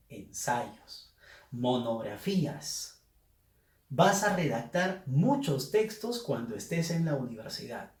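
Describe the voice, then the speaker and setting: A man giving a Spanish spelling lesson, speaking slowly and with emphasis, like a teacher addressing his students. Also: mid-range voice. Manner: slow, emphatic teaching delivery. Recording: echoey room.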